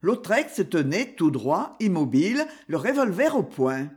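A narrator reading an old detective novel aloud for an audiobook. The delivery is slow and measured, with a lively, expressive pitch that keeps the suspense going.

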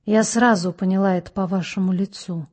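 A woman reading an audiobook, voicing a mysterious young woman who talks slowly in a low, hushed way. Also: steady tone, husky, lightly acted. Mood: hushed, pleading. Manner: slow, hushed, halting.

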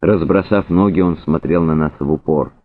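A man reading literary narration aloud in a measured, even way. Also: rumbling low. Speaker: audiobook reader. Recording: narrow phone-like sound.

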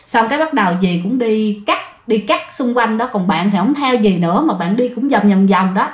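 A woman tells a ghost story, talking straight to her listeners in a conversational manner. Her voice is on the high side with lively intonation at normal speed, and the recording is muffled, roomy and echoey.

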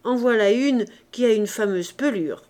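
A woman's voice: moderate pace, natural voice. A woman doing a brash cheeky street boy. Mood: cocky. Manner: loud, jaunty, raised pitch.

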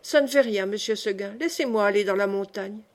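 A woman voicing a young female goat, gentle but stubborn, with a soft, polite, pleading tone in an audiobook reading. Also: medium pitch, a little fast, lightly acted.

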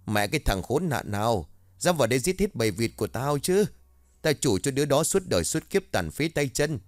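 A man voicing a foul-mouthed, gossipy old village woman who curses and wails loudly. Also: mid-range voice, expressive, moderate pace, no room sound, clean studio sound, voice pushed up, natural voice. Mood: furious. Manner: loud cursing and wailing.

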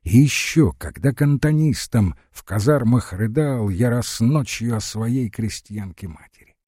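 A man voicing an aging, pious army general who confides his fears in a hushed, halting way. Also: medium pitch, animated, husky, no echo, studio quality. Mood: confessional. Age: older.

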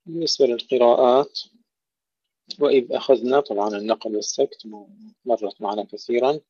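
A man's voice: mid-range voice, steady tone, warm tone, husky, no echo. Guy teaching tajweed, says a phrase then breaks down the letters, dry dull lo-fi sound. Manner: recites a phrase, then explains the pronunciation slowly. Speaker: Quran recitation teacher. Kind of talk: tajweed lesson with recited examples. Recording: dull lo-fi recording.

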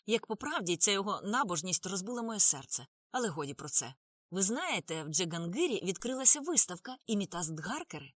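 A woman reads as a talkative Frenchman with a drawling, theatrical way of speaking, his lines rising and falling with lively melody. The voice sits close and dry, with no room sound. An audiobook scene at a restaurant table. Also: mid-range voice, a little fast, no room sound. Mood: wistful. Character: talkative witty Frenchman, middle-aged.

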